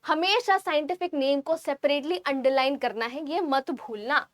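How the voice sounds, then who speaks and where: With a high voice recorded at studio quality and no echo, a woman leads an online biology exam-prep lecture. She spells terms out slowly while writing on screen, pausing to check that the class is with her.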